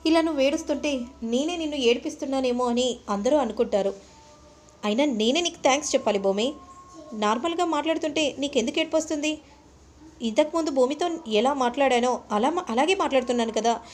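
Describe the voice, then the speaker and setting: A woman reads out a young man who is curt and defensive, pushing his point briskly. The voice sits fairly high, and a faint hiss of noise runs under it. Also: natural voice. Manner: brisk, insistent, mixes in English phrases.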